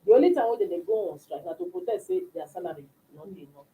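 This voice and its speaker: A woman's voice: lowish voice, animated, racing, warm tone, rough recording. A woman with a Nigerian accent discussing things casually in Nigerian Pidgin as a panelist, arguing her points and rephrasing them as she goes. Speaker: talk show panelist.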